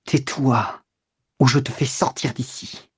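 Curt, cold male scoundrel in a novel audiobook, husky and clipped; narrator's own register. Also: mid-range voice, steady tone, slow pace, dry recording, studio quality. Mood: menacing. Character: cold, self-serving man, curt and dismissive. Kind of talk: audiobook reading.

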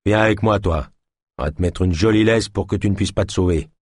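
A man voicing a greedy, scarred, potbellied middle-aged man who yells and haggles gruffly. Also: low-pitched, fairly quick, dry recording, studio quality.

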